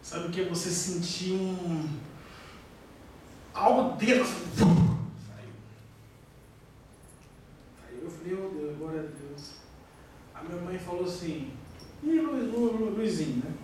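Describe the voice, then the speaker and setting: Brazilian pastor guy preaching his testimony, kinda high voice, acts out the conversations, mic far off, lots of hall echo and a little hiss. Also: lively intonation, takes it slowly, long pauses, dark tone. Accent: Brazilian Portuguese. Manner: emotional storytelling, acting out dialogue. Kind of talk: testimony sermon. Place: church hall.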